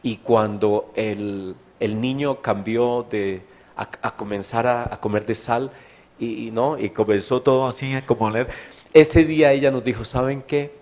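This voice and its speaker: A man's voice: medium pitch, a little slow, a little mellow. A middle-aged Colombian man preaching a sermon in a church meeting hall, telling stories in a chatty way and asking the audience questions. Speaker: pastor.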